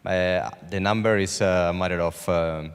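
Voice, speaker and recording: A man from Spain, a panelist answering in halting English with many fillers and tag "okay?". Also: sits low, fairly even intonation, smooth. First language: Spanish. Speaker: panelist, company CEO. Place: large conference hall. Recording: conference hall reverb.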